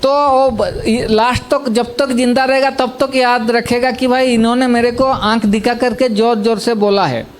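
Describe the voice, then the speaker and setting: A man's voice: extremely high pitch, steady tone, moderate pace, hardly any pauses, a little hiss or hum. A man giving a self-help talk, repeating points and often checking that listeners understand. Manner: repetitive, asks "samajh mein aaya?" to check understanding. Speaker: healing teacher.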